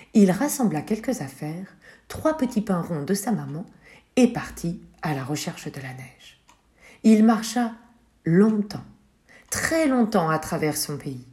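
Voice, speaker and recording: A woman narrating a children's story in a gentle, soft manner, sometimes dropping to a whisper. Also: medium pitch.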